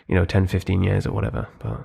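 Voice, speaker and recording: A man's voice: low voice, fast, vocal fry, husky. A young man co-hosting a podcast, chatting casually with lots of fillers and restarts. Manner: relaxed, rambling with fillers and restarts. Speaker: podcast co-host. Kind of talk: casual chat.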